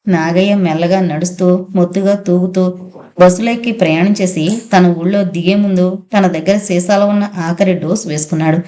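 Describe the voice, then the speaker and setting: Low-voiced woman narrating a novel. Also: fairly even intonation, normal speed, warm tone. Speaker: audiobook narrator. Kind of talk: scripted narration.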